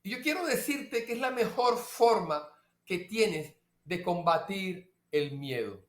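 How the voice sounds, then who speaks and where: A man preaching a sermon slowly and emphatically, repeating key phrases. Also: sits high, animated, reverberant.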